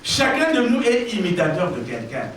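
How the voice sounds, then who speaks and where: A male pastor preaches in a high, animated voice that swings widely. He presses his points by repeating phrases and calls out to the congregation. The sound is heavily echoey, picked up from far off in a church with a faint hiss. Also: normal speed. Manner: emphatic, repeats key phrases, addresses congregation directly. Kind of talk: sermon. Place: church hall.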